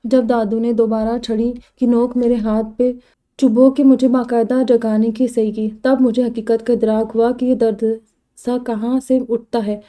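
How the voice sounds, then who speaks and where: A woman narrating a comedy novel aloud in the first person, with lively storytelling. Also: on the high side. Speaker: novel reader.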